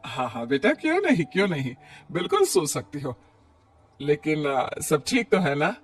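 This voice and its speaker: A man's voice: on the high side, huge pitch swings, normal speed, husky, recorded from a distance, faint music behind, exaggerated voice. A man voicing a fussy, scheming older mother-in-law in a cartoon story, coaxing and mock-innocent.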